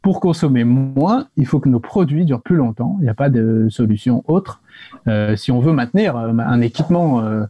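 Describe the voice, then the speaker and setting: A man's voice: medium pitch, expressive, moderate pace, mellow, breathy edge, no echo. A man giving an unscripted, argumentative panel answer, explaining and making short, firm assertions. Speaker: panelist, activist against planned obsolescence.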